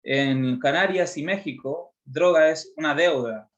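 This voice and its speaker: A man's voice: fairly high pitch, a little slow, highs cut off. A man from Chile preaching a Bible study sermon, explaining word meanings and asking listeners rhetorical questions.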